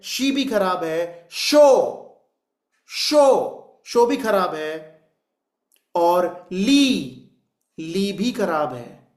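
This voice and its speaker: Slow, deliberate male numerology teacher. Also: high-pitched. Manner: repeats sounds aloud to demonstrate, asks and answers own questions. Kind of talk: classroom lecture. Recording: echoey room.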